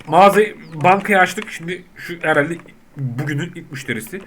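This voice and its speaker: A man giving casual, excitable gameplay commentary, reading out game text and yelling at the characters on screen. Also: a little high, normal speed, slight background noise. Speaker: gaming YouTuber.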